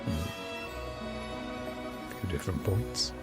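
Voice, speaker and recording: A low-pitched man speaks slowly in casual let's play commentary, thinking aloud, reading game text out and often chuckling. He's a game streamer, and video game music plays behind his voice.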